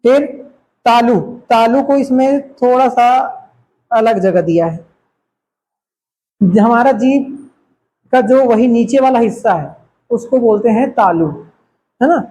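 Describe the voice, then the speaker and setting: A man teaching a lesson in a slow, patient way, often checking in with his students. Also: very high-pitched, animated, dark tone, poor audio. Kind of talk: classroom lesson.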